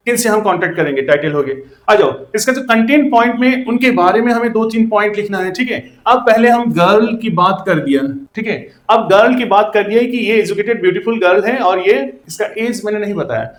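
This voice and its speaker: High-voiced male teacher, echoey room. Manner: explanatory, repeats "that means, you know" often; mixes English phrases into his teaching. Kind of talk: classroom lecture.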